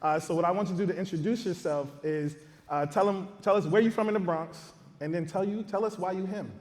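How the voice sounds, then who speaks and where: Recorded with roomy acoustics in a large hall, this man talks fairly quickly in a high voice. Moderating a live panel as a podcast host, he introduces each guest with energetic hype.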